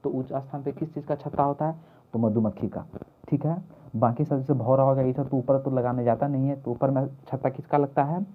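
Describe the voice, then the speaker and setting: Husky guy drilling students, keeps asking then answering, sounds like a tinny phone line. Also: medium pitch, steady tone, brisk. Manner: repetitive, asks questions and answers them himself. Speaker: teacher. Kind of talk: mnemonic lesson for exam prep.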